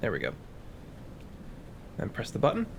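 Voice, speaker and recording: A man's voice: lowish voice, huge pitch swings, normal speed, creaky, background noise. A man giving casual gameplay commentary, narrating his own actions and thinking aloud as he plays. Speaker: gaming video host.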